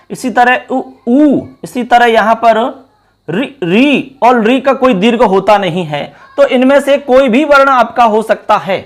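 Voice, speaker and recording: A man teaching a Sanskrit grammar class at a board. He explains step by step, repeats key terms and calls his viewers friends. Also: very high-pitched.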